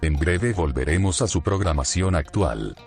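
A man plays a solemn mock broadcast announcer who reads a stiff, formal notice in a deadpan tone. His voice sits very low, and soft music plays faintly underneath. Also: moderate pace.

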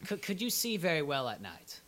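A man playing an earnest, exasperated courtroom lawyer who questions a witness politely and haltingly in an improvised mock trial. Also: a little high, huge pitch swings, a bit bright. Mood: questioning. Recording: clear background hiss.

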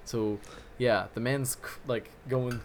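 A man co-hosting a podcast, telling a story in relaxed, casual chat with lots of fillers. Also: mid-range voice, slow pace, a little hiss or hum. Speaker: podcast co-host.

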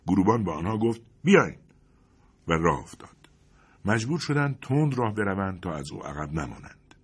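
Deep husky male audiobook narrator. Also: very animated. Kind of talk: scripted narration.

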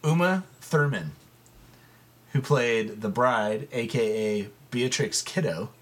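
A man co-hosting a podcast in casual chat, laid-back and quick to laugh. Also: mid-range voice, lively intonation. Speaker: podcast co-host.

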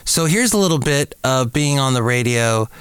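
A middle-aged male podcast host telling stories in a relaxed, unhurried way. His voice is smooth and resonant, picked up close on a mic with a dry sound and no room echo. He talks casually, like he's chatting over coffee in a café. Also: medium pitch. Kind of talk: casual reminiscing.

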